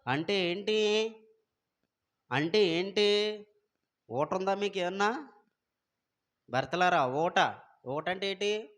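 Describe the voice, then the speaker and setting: Man, pastor, Sunday sermon, slightly high voice, animated, questions the congregation, loud and soft swings. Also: takes it slowly, long pauses. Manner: animated preaching that quizzes the congregation; swings between loud exclamations and soft asides.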